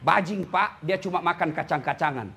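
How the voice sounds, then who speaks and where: A man with a Makassar Indonesian accent preaching a lively sermon, teasing and scolding his listeners with jokes, over faint noise from a live venue. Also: on the high side, normal speed, gravelly, husky.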